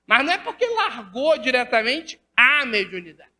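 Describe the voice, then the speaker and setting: A woman's voice: high voice, sing-song, moderate pace, bright, forceful tone. A woman with a Rio de Janeiro Brazilian accent giving a spiritist lecture, asking rhetorical questions and tagging her sentences with questions to the audience. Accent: Brazilian Portuguese, Rio de Janeiro. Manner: rhetorical questions, constant tag questions, acts out dialogues. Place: lecture hall of a spiritist center. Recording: reverberant hall.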